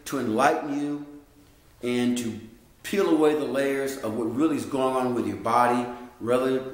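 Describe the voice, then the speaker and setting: A man's voice: mid-range voice, darkish tone. Man, middle-aged, folksy health coach talk, very echoey room. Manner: folksy, direct, addresses listeners as guys. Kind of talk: educational monologue.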